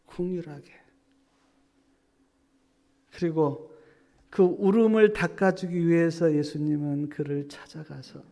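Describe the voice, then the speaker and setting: A man's voice: on the high side, creaky. Impassioned middle-aged male preacher. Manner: impassioned, swings between loud outcries and hushed near-whispers. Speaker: pastor. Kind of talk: sermon. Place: church hall at a revival meeting.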